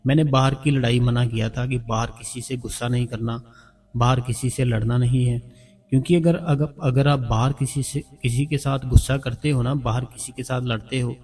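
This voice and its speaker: A man gives gentle, repetitive spiritual advice in an informal devotional talk. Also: medium pitch, fairly even intonation, moderate pace, breathy edge, distant mic. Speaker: spiritual channel host.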